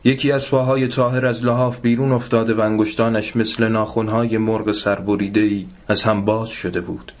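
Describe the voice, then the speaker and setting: Guy reading a short story aloud, lowish voice, measured and even. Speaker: narrator.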